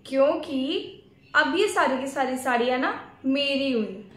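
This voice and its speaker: A woman's voice: sits high, lively intonation, measured pace, a bit bright, roomy sound. Woman playing a spoiled greedy sister-in-law. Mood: indignant. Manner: demanding, whiny, bossy. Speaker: husband's sister. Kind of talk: family skit drama.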